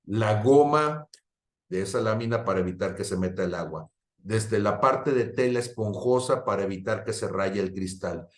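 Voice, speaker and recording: A man preaching a sermon, telling a personal story and swinging from loud to hushed, often checking in with the listeners. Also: medium pitch. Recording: roomy echo.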